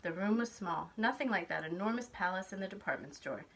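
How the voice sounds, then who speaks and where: Woman, medium pitch, children's storybook read-aloud, speaking to preschoolers. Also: animated, fairly quick, vocal fry, a bit bright.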